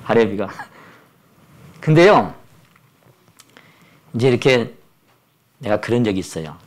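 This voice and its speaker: A man's voice: on the low side, measured pace. A man in his sixties preaching a Sunday sermon at a church service, telling stories and acting out the voices of the people in them. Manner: animated storytelling, acts out quoted voices. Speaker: pastor.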